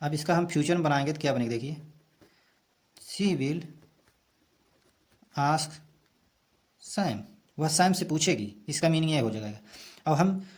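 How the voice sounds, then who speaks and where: Guy explaining english grammar in hindi, bit high voice, reads each line slow then translates, repeats stuff patiently. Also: a little mellow. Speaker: English teacher. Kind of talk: bilingual grammar lesson.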